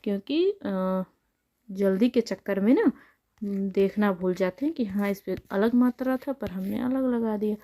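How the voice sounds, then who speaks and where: A woman's voice: mid-range voice, moderate pace, dark tone. A young woman teaching a spelling lesson for exam preparation, patiently repeating each answer and asking it back to the viewer. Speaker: Hindi exam tutor. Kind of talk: spelling lesson explained while writing.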